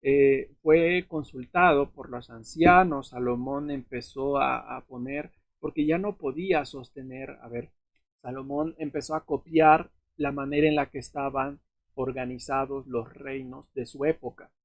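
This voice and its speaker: A man with a husky, slightly worn voice teaches scripture in a relaxed, explanatory way, pausing on fillers and checking in with tag questions. His voice sounds close and dry, with no room echo. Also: mid-range voice. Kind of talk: unscripted Bible lesson.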